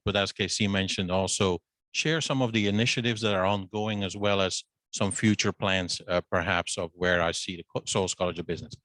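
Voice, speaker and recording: A middle-aged Flemish-accented man from Belgium, whose first language is Dutch, introduces himself as a business school dean at a student meeting that has a Zoom link. Speaking into a handheld mic in a fairly low, slightly bright voice, he keeps things loose and chatty, restarting with fillers. The recording is dry.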